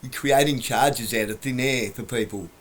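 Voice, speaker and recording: A vlogger sits on his couch at home delivering a blunt, rambling lecture, trailing off mid-word and laughing at himself. His voice is mid-range and his pace moderate, but the audio quality is poor.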